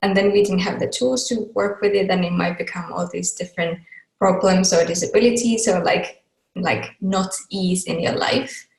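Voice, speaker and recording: A woman's voice: lowish voice, steady tone, moderate pace, gravelly, a little mellow. Chatty woman host from Finland, echoey. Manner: chatty, laughing, loose with fillers. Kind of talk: casual online talk. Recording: echoey room sound.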